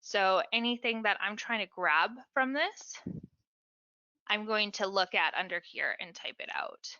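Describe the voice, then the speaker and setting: A woman with a bright, forceful voice walks through technical steps in a relaxed, chatty way on a webinar. The sound is dry and a little dull, like video call audio. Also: mid-range voice, a little slow, no echo. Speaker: support specialist. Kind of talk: casual webinar explanation.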